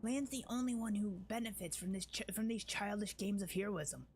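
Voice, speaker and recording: Grim proud tracker woman from a fantasy game, pitched up a bit, a guy reading her lines aloud, faint hiss behind. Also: moderate pace. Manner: grim, urgent, dismissive.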